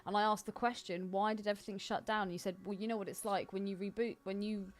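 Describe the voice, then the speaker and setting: A woman in her twenties co-hosts a podcast, chatting informally and frequently posing questions. She talks fast, with a mid-range voice and a level tone.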